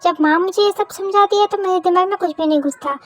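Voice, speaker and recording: A woman performing a homemade fan audio drama alone, voicing every role in quick bickering dialogue. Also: very high-pitched, fairly bright tone, dry recording.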